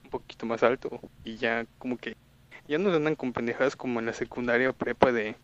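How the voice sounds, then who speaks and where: A young Mexican man chats on a voice call in heavy slang. He tells a story and plays his own stunned reactions, in a mid-pitched voice through slightly muffled audio. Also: steady tone, quick pace. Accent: Mexican Spanish. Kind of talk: casual chat.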